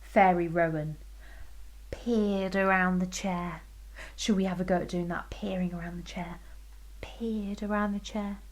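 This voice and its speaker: A woman telling a story to small children, playful and expressive, dropping into whispers and sound effects. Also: fairly low pitch, measured pace. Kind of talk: storytelling for under-fives.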